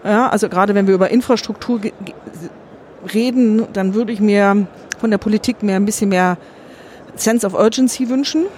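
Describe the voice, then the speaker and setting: A woman speaking as an interview guest, measured and reflective, with an earnest, optimistic way of explaining. Her pitch sits in a middle range. A faint hum of traffic lingers behind her. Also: darkish tone. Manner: measured, reflective, self-correcting mid-sentence. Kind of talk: thoughtful conversational interview answers.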